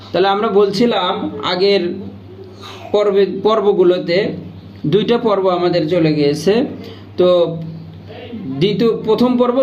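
A man teaching Quran reading, drilling letters and vowel marks slowly and chanting the rules in a sing-song way. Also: high voice. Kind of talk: slow step-by-step recitation lesson. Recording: echoey, dull lo-fi room with faint noise.

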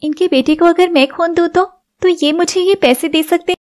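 A very high-pitched young wife. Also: female voice, moderate pace, slight background noise. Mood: guilt-ridden. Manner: soft, pleading, tearful. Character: long-suffering young wife. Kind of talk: animated serial voice acting.

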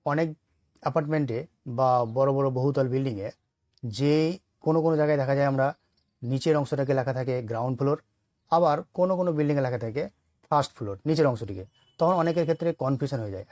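A man teaching English vocabulary, patiently listing word pairs in a steady rhythm. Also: mid-range voice, dry recording, clean studio sound. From Bengal. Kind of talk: vocabulary lesson for learners.

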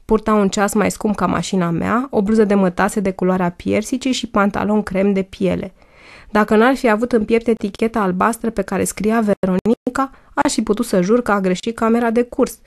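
A woman reading a first-person story aloud in a lively, wry way. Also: medium pitch, creaky. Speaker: audiobook narrator.

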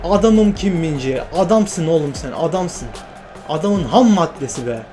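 A man narrating his football video game play in excited, repetitive exclamations. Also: on the high side, normal speed, soft background music. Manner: exclaiming and repeating phrases. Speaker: gaming YouTuber.

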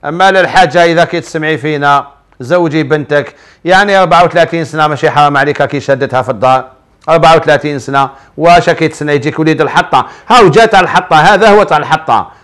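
A man's voice: fairly high pitch, fast talker, a bit bright. A man with an Algerian Arabic accent, a sheikh answering viewers' questions on a televised religious advice show and preaching with many rhetorical questions.

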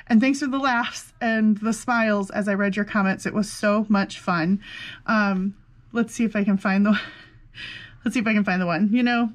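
A woman hosting a crafting vlog, chatting casually in a rambling, effusive and exclamatory way. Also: medium pitch. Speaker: crafting channel host. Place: indoors at a desk with a laptop.

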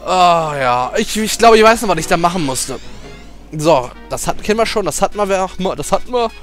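A man doing let's play commentary, emotional and excitable, cheering, swearing and shouting at the game as he plays. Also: high-pitched, moderate pace, soft background music.

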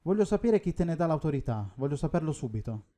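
A man's voice: fairly high pitch, big pitch swings, fast talker, warm tone. A man reading as a pushy small-town mayor. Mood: insistent. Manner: insistent, pressing.

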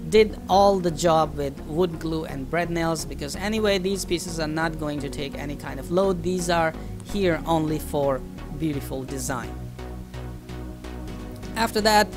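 A man talks through his woodworking project in voice-over at a slow, easy pace, pausing often as he thinks aloud. Clear background music runs under his voice. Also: a little high. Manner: unhurried, thinking aloud, frequent hesitations. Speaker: woodworking hobbyist. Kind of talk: voice-over narration of a workshop build.

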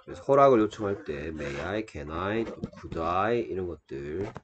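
Slow, low-voiced man teaching English. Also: lively intonation, muffled recording. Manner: reads English lines slowly and deliberately, then explains in Korean. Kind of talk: textbook lesson explaining dialogue.

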